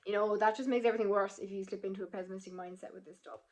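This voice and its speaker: A woman's voice: mid-range voice, steady tone, racing, darkish tone, rough recording. Chatty young woman vlogging. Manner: chatty and emotional, lots of fillers. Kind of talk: casual chat to camera.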